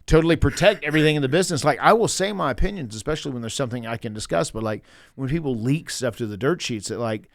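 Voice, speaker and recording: A man in his fifties, a pro wrestler telling stories in a casual interview, animated and full of restarts and fillers. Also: mid-range voice, quick pace, no echo, clean studio sound. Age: 50s.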